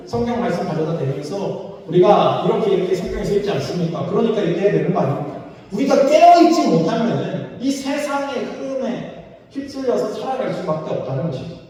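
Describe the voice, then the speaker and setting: A male pastor with a high voice delivers a sermon in a conversational way, voicing the people in his stories. He is recorded from afar in a church hall with a long, echoing reverb. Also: very animated, fairly quick, mellow. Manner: conversational preaching, acts out quoted dialogue. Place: church sanctuary. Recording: echoey church hall, mic from far off.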